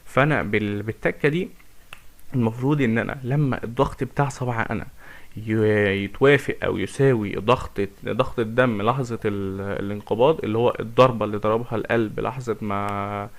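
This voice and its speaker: A man with an Egyptian Arabic accent giving an informal medical lecture, explaining step by step with rhetorical questions and English medical terms. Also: mid-range voice.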